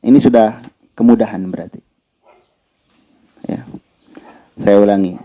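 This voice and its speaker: A man's voice: fairly low pitch, fairly even intonation, measured pace. A male Quran recitation teacher gives a religious lesson in a conversational way, repeating his key points. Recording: dull lo-fi lecture recording.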